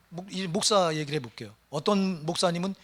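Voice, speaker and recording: High bright-voiced Korean pastor preaching. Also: male voice, expressive, moderate pace, husky. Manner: preaching with rising fervor, calls of amen and hallelujah. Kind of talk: sermon. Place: church sanctuary.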